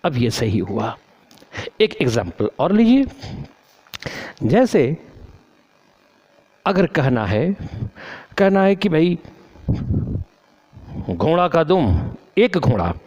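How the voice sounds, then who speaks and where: A man teaching grammar, speaking slowly and carefully. His pitch swings widely and sits a little high. He repeats himself and asks his class questions before answering them. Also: sing-song, darkish tone, highs cut off. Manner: slow, repetitive, drills questions and answers aloud. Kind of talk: explanatory lesson in Hindi with English terms.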